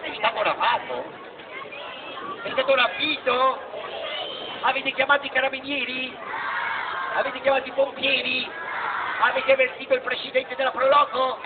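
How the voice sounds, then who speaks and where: Man doing an excitable, high-pitched bossy puppet. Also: moderate pace, long pauses. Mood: alarmed rallying. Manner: questioning children directly, emphatic. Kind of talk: live comic puppet show for children. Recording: tinny, noisy, distant outdoor crowd recording.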